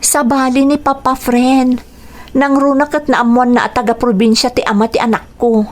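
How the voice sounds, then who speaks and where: A young woman plays an anxious young mother in a radio drama, worried about her strict father. Her voice sits high and her delivery is flat and lightly acted at normal speed, carrying a hesitant, uneasy mood.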